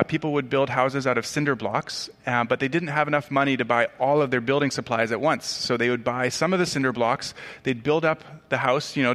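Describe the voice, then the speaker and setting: A man who grew up in Tanzania preaches to his church, his tone bright and forceful. He keeps it conversational, slipping in asides and correcting himself as he goes. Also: medium pitch. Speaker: pastor. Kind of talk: sermon.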